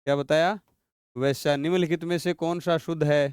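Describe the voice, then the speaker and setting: A man teaching an online exam-prep grammar class, quizzing his students and repeating each word slowly so they catch it. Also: fairly high pitch, steady tone, darkish tone, smooth, dry recording, studio quality.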